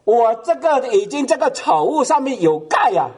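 A man voicing Jesus gently consoling a believer in a retold dream, speaking slowly and tenderly. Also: extremely high pitch, very animated, breathy edge, voice pushed up, exaggerated voice.

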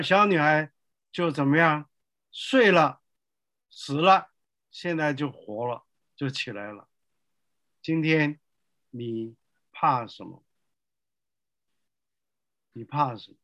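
An older male pastor preaching a sermon slowly and emphatically, asking the listeners rhetorical questions. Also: on the high side, pushed and bright, no echo.

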